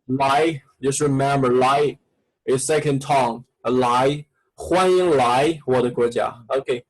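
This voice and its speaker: A native Chinese speaker with a Chinese accent teaches an online class, coaxing his students with repetitive prompts in broken English. His voice is mid-range and slow, and the audio quality is poor.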